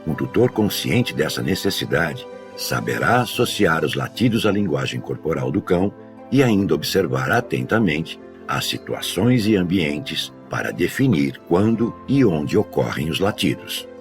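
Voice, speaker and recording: Very deep-voiced man narrating a lesson. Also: sing-song, soft background music. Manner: measured, explanatory delivery. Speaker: dog trainer. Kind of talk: scripted educational narration.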